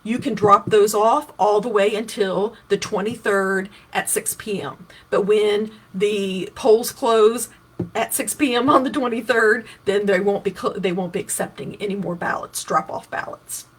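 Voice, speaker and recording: On a low-quality recording, a Kentucky political candidate in her fifties speaks a little slowly in a husky, medium-pitched voice with a steady tone. In a casual, conversational livestream she explains voting options and answers viewer questions, frequently starting over.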